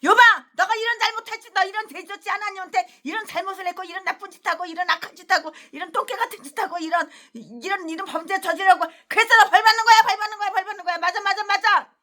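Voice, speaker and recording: A woman voicing a harsh male friend who hammers out repeated accusations, high and loud. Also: fast, hardly any pauses. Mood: accusing.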